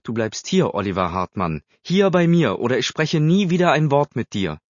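A man voicing a nervous, sharp-tongued teenage girl in a storybook reading, snappy and dismissive. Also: mid-range voice, lively intonation, moderate pace, no echo, voice pushed up, lightly acted. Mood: stern. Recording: slightly dull dry recording.

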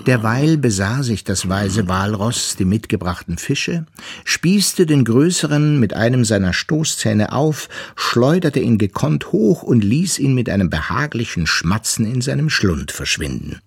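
A man narrating a children's story aloud in an expressive, unhurried way. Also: medium pitch, creaky, slightly rough.

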